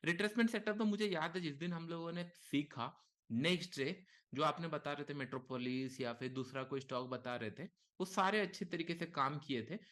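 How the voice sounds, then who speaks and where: A man leading a live market lesson, talking casually and thinking aloud, with frequent okays and short pauses. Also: a little high, fairly bright tone. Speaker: trading instructor. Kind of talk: live market teaching session.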